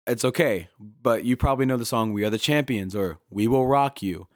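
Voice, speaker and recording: A man's voice: medium pitch, fairly quick, no room sound, clean studio sound. A young man co-hosting a podcast, chatting casually with plenty of fillers. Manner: relaxed, chatty, with frequent fillers. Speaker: podcast co-host. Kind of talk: casual chat.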